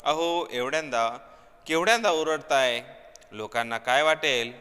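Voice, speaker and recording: A man's voice: medium pitch, moderate pace, pushed and bright, clear, resonant tone, long reverb tail, lightly acted. Man reading the lines of a scolding wife. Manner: scolding, reproachful. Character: scolding wife, middle-aged woman, nagging.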